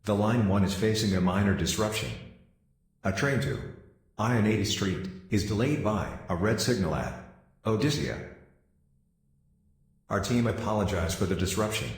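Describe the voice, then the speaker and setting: A man's voice: fairly low pitch, expressive, normal speed, pauses often. Man's announcement over an echoey intercom. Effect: over a station intercom. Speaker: station announcer. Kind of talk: automated transit announcement. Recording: very echoey station PA.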